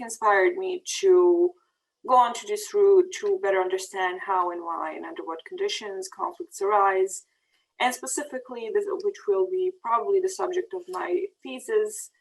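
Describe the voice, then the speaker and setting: A woman's voice: mid-range voice, rough recording. Hesitant woman giving a talk. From Bosnia and Herzegovina. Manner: hesitant, many ums and restarts. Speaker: peace fellow giving a presentation. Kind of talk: prepared talk over slides.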